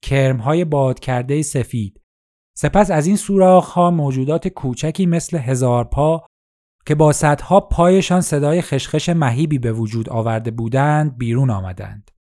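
A man narrating a story in a steady, measured audiobook style. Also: medium pitch.

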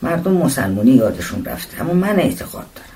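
A man's voice: mid-range voice, big pitch swings, creaky, darkish tone, a little hiss or hum. A man voicing a stubborn, pious middle-aged husband in a storybook reading, earnest and insistent. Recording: voice distant from the mic.

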